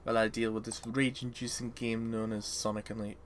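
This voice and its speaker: A sleepy, yawning woman streams a game and chats loosely in a flat, bass voice, a little fast, over a faint hiss or hum. She's giggly and rambling, often breaking into laughter during this casual live-stream talk.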